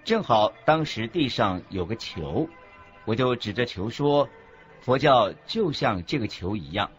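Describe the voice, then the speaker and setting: Lightly acted, a little slow, with lively intonation in a mid-range voice, a man narrates scripted religious teaching as a monk for radio drama. He reads in a careful, didactic way; the audio is muffled and backed by music.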